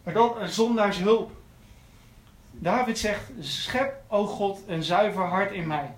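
A man delivers an earnest sermon, circling back to repeat his key phrases. His voice sits high for a man. The sound rings with the echo of a large church. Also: slow. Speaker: preacher.

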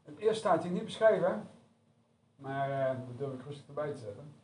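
A man's voice: fairly high pitch, expressive, normal speed, darkish tone. A man preaching a sermon in a conversational, hesitant way, recorded from far off in an echoey church hall. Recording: echoey room from far off, noisy.

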